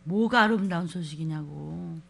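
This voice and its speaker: A woman pastor preaching a fiery church sermon, scolding and shouting scripture between quiet asides. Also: on the low side, normal speed, creaky.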